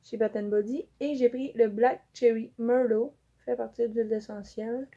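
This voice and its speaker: Speaking at a normal speed, this young woman has a mellow, somewhat high voice with fairly even intonation. She's a vlogger with a Quebec French accent, casually talking through a haul video and showing things to the camera with plenty of fillers. Faint noise sits under the dull, lo-fi recording.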